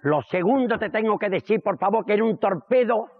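A male comedian voicing a cheeky young grandson who scolds his grandfather in a drawn-out, mock-stern way. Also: high-pitched, expressive, breathy edge, dry recording, voice pushed down, exaggerated voice. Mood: scolding. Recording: dull old TV recording with audience laughter.

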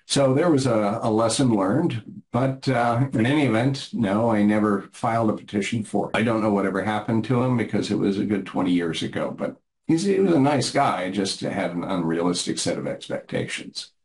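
A man's voice: on the low side, animated, moderate pace, darkish tone, poor audio. A man, a bankruptcy lawyer, telling stories of past clients and quoting what they and he said. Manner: storytelling, quotes clients and himself. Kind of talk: casual explanatory talk to camera.

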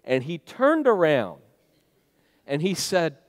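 A man's voice: a little high, very animated, takes it slowly. A man preaching a sermon in a conversational, storytelling way, with frequent fillers. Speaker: pastor. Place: church sanctuary. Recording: long church reverb.

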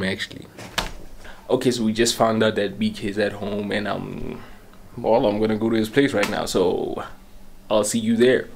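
A man's voice: fairly low pitch, a little mellow, slight background noise. A young man chatting casually as a vlogger, often breaking into stifled giggles as he talks. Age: young adult. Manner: giggly, laughing through speech. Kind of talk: casual chat to camera.

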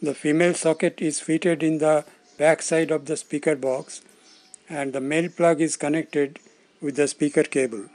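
A man presenting a tutorial reads scripted instructions in a fairly high, darkish voice with mostly even intonation. His explanations are plain, delivered in short, measured phrases.

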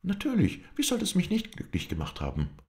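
A man reading an audiobook voices a proud young woman who pleads and then defiantly defends herself, lifting his voice high. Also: huge pitch swings, moderate pace, creaky, a little mellow.

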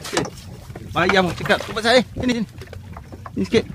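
A man giving excited, chatty commentary on his catch from a small open boat, filmed on a handheld phone. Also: high-pitched, a little fast, background noise. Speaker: angler filming his fishing trip. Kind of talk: casual running commentary.

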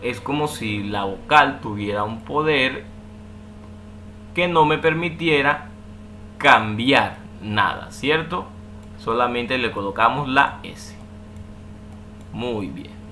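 A man's voice: medium pitch, slow pace, long pauses, sharp tone, a little hiss or hum. A man teaching an online language lesson, patiently walking through rules and checking in often with a questioning "ok". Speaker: English teacher.

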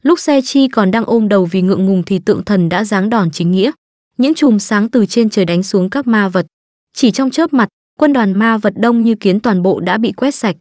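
A woman's voice: mid-range voice, normal speed, a little mellow, no room sound. Woman narrating an anime recap, dry close sound. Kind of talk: scripted narration.

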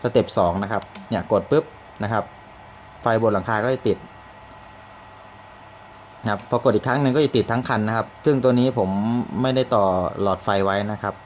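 A man's voice: on the low side, moderate pace, long pauses. Polite man demonstrating a siren box. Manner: polite, repeats phrases, many fillers. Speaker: product demonstrator. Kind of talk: casual product demo. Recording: faint background noise.

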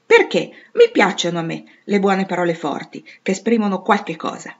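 A woman's voice: medium pitch, animated, normal speed, dull audio. A woman voicing a spirited, blunt teenage girl in a read-aloud novel. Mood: brash. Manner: brash, outspoken.

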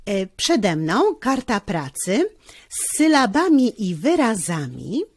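A woman teacher walks children through forming letters, one stroke at a time. Her pitch rises and falls a lot, and she often pauses with small fillers. The sound is dry and close. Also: sing-song, slightly rough, no echo. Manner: slow, step-by-step instruction with frequent hesitation fillers. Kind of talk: handwriting lesson for children.

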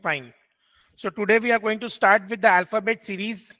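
Man teaching online, high bright voice, repeats rules for dictation, code-switching. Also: fairly even intonation, drawn-out words. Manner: switches between Hindi and English mid-sentence. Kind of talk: online class lecture.

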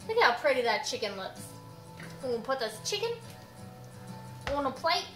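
High-voiced tipsy young woman, roomy kitchen. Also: very animated, moderate pace, over music. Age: young adult. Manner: tipsy, loose and goofy, rambling, breaking into song. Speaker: cooking vlogger. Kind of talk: casual chat to camera while cooking. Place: home kitchen. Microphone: camera on the counter, about arm's length or further.

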